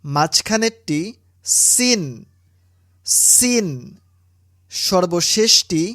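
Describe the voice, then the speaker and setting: A woman teaching Quran reading, pronouncing letter sounds slowly and deliberately, one syllable at a time. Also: mid-range voice, animated, a bit bright, no echo, clean studio sound. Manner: slow, deliberate, drawn-out syllables. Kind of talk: slow instructional recitation lesson.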